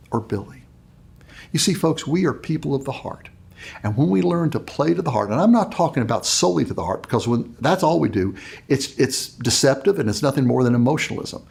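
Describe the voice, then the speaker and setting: Animated, gravelly-voiced male speaker. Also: medium pitch. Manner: animated, dramatic storyteller. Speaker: host, leadership speaker. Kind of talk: motivational talk with storytelling.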